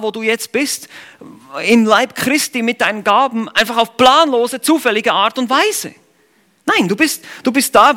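A man's voice: high voice, bright, forceful tone. A man preaching an expository sermon, earnest and emphatic, putting rhetorical questions to the congregation and explaining the meaning of Greek words.

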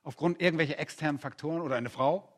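A male preacher with a husky, fairly high voice gives a lively conference sermon. He fires rhetorical questions at the crowd and slips into quoted voices to make his points. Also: fast.

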